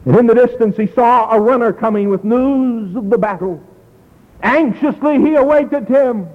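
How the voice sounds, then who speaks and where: Dramatic male preacher, high voice, tinny phone-thin recording. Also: moderate pace. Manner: dramatic storytelling, swings from loud to hushed. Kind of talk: evangelistic sermon. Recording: tinny lo-fi echoey hall.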